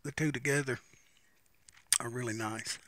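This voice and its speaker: A man's voice: mid-range voice, steady tone, normal speed, a bit bright, slight background noise. A man giving a casual, unscripted, folksy review, musing and repeating phrases as he smokes a pipe between them. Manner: talks while smoking a pipe between phrases.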